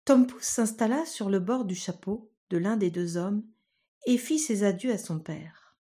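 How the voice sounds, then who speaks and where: Slow husky woman reading a fairy tale. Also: mid-range voice. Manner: slow, calm, measured storytelling. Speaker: storyteller. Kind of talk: fairy tale read aloud.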